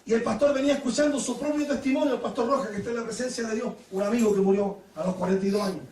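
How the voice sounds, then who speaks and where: A Chilean man preaching a Pentecostal sermon, telling stories with laughter and sudden shouted praises. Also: very high-pitched, racing, distant mic. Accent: Chilean Spanish. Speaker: pastor. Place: church hall. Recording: echoey church hall, mic from afar.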